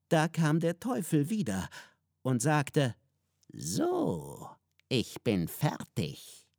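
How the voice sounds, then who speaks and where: A man reading a children's story aloud in a calm, even storytelling manner. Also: medium pitch, no echo, studio quality. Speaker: narrator.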